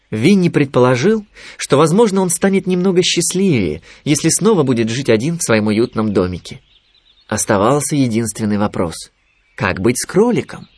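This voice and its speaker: A man narrating a children's story in an expressive storytelling manner. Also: medium pitch, dry recording.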